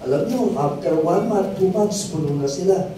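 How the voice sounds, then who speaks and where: A pastor preaches a sermon in a high, expressive male voice at an ordinary pace, telling stories and repeatedly pushing the congregation to answer "amen." His testimony builds to rising, emphatic peaks in call-and-response style. The recording comes from a very reverberant hall with a distant mic and a little background noise.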